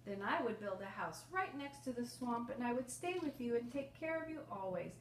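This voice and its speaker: Woman playing a tender, reassuring mama with lively pitch. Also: moderate pace. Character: loving, patient, reassuring storybook mother. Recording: roomy, distant mic, faint noise.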